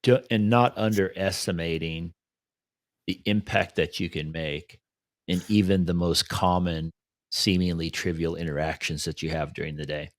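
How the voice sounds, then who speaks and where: A man's voice: low voice, steady tone, normal speed, no room sound, clean studio sound. A man co-hosting a podcast in casual chat, reflective and affirming, often adding "right?". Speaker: podcast co-host.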